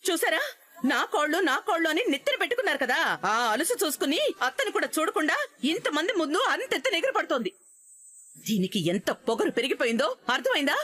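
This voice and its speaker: A proud, scornful mother-in-law in a TV serial. Her high, bright voice sneers and scolds. She sounds middle-aged and sure of her place. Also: very animated, fast talker. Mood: scolding. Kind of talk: TV serial acting.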